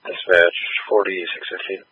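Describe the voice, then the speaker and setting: A man's voice: deep voice, normal speed. A man working as a police dispatcher, giving terse procedural calls heard over a two-way radio. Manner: terse, flat procedural codes. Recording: tinny radio transmission with faint static.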